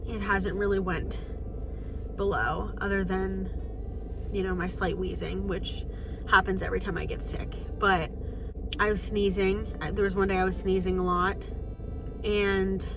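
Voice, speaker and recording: A woman's voice: medium pitch, little pitch movement, unhurried, pauses often, over music, low-quality recording. Congested, slightly wheezy young woman vlogging. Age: young adult. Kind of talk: personal vlog, casual confessional chat.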